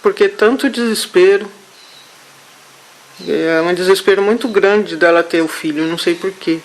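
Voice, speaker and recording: A man haltingly recounting a vision during a therapy session, with many restarts. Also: high-pitched, low-quality recording. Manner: halting, hesitant, full of restarts. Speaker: therapy client.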